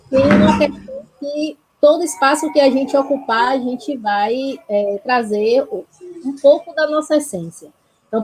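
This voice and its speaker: In a very noisy recording, a woman with a high voice and a Bahian Brazilian accent hosts a panel, speaking reflectively and earnestly. She is an institutional supporter of a health project, and in this conversational talk she often adds tag questions to seek agreement.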